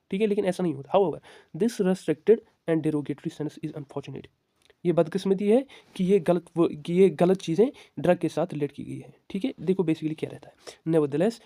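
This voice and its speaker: A man's voice: on the high side, dark tone, no echo. Dry-sounding man lecturing pharmacy students. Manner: explains step by step, asks and answers his own questions; reads definitions slowly, then explains them. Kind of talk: classroom lecture.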